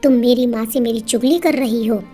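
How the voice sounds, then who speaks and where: A woman's voice: on the high side, normal speed, warm tone, soft background music, lightly acted. A woman doing a cruel, greedy young husband. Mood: menacing. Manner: harsh and menacing. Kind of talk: storytelling with acted dialogue.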